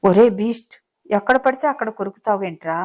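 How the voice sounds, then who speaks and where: A suspicious young bride from a romance audiobook who snaps back with sharp, scolding retorts, voiced by the woman narrator. Her pitch stays in the middle range, close to an everyday speaking voice. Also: animated, fairly quick, close to an everyday voice. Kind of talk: audiobook character reading.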